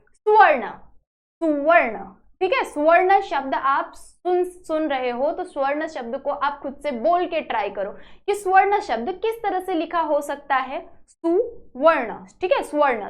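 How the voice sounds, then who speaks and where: A woman teacher talks through a recorded lesson at a steady, patient pace. She speaks in a high voice and checks in with her students again and again as she goes. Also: moderate pace, few pauses. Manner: explains step by step, repeating "ठीक है" as a check-in. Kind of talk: classroom-style video lesson.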